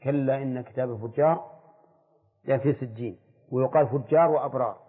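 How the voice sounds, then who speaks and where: An older man gives a jurisprudence lesson and questions his students as he goes. His voice is husky. The recording is a tinny old tape with a long echo from the hall. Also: medium pitch. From Saudi Arabia. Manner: questions the students, explains slowly. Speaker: sheikh teaching jurisprudence. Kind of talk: classroom lecture on fiqh.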